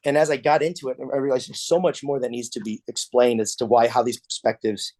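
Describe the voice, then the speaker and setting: A man's voice: mid-range voice, little pitch movement, brisk, darkish tone, dry recording. A man leading a casual church class discussion over a video call, talking conversationally with frequent restarts.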